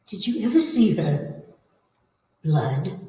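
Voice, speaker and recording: Low-ish, mellow and very animated, a woman performs a slow-speaking, menacing ghost for old-time radio horror. The coaxing female spirit, hungry for blood and life, sounds eerie and sinister, commanding, taunting and theatrical. Her voice echoes, recorded in a reverberant room far from the mic.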